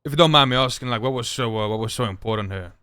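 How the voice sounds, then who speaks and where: A man's voice: medium pitch, very fast, pushed and bright, clear, resonant tone, dry recording, clean studio sound. A man in an improvised crime game role-play, questioning in a confrontational, pressing way. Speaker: role-player as a gang business partner.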